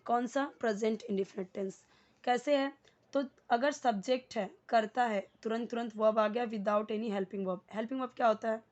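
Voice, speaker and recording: A woman's voice: fairly high pitch, steady tone, a little mellow, highs cut off. A woman from India with an Indian English accent, teaching an English lesson in a mix of Hindi and English, explaining patiently and often checking that students follow. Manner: explains slowly, often asks "ठीक है?" to check understanding; mixes Hindi and English in one sentence.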